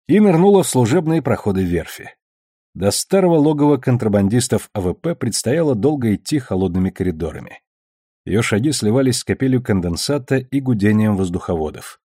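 A man narrating a novel as an audiobook reader, in an even, measured way. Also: mid-range voice, dry recording, studio quality.

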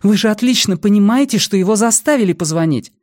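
A man voicing a fiery young female agent in an audiobook, urgent and close to shouting. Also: high-pitched, lively intonation, a little fast, no room sound, voice pushed up. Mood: furious. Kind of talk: audiobook character voice.

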